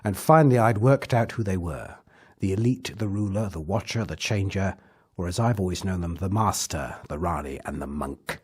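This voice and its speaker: A man playing an eccentric time-travelling adventurer in an audio drama recap, with a husky voice and whimsical, old-fashioned theatrical diction. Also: low voice, animated, normal speed. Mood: grave.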